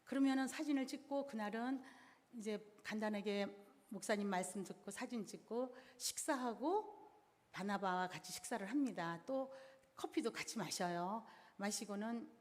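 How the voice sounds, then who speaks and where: A woman's voice: mid-range voice, moderate pace. A middle-aged woman giving a church seminar, explaining each step plainly and in order. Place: church hall. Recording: reverberant hall sound.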